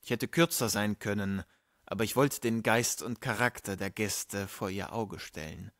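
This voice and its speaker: Male audiobook narrator, low voice, steady measured reading, dry close mic. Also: no echo. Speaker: audiobook reader. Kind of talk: scripted narration.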